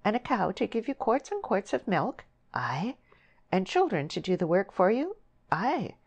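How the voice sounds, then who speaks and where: A woman voicing a spiteful young country girl who taunts in a sweet, mocking way, with a steady hiss behind her. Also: medium pitch, takes it slowly, voice pushed up. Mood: taunting.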